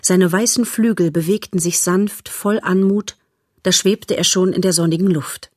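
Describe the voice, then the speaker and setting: Calm woman narrator for a storybook, husky voice, dry recording. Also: lowish voice, normal speed, no echo. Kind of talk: storybook reading.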